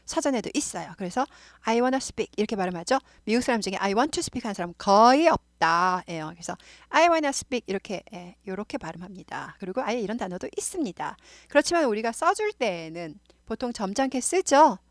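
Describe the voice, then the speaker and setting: Middle-aged woman tutor with a Seoul accent, mid-pitched, talkative and repetitive, dry recording. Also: expressive, brisk, few pauses, dry recording. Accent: Seoul Korean. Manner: chatty, explains with repetition and asides. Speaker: English teacher. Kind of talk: casual grammar lesson.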